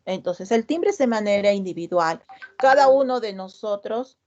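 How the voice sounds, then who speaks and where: A woman's voice: mid-range voice, animated, moderate pace, a little mellow, highs cut off. Woman teacher explaining patiently. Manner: explains step by step, repeating key terms and asking the class questions. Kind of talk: online class lecture.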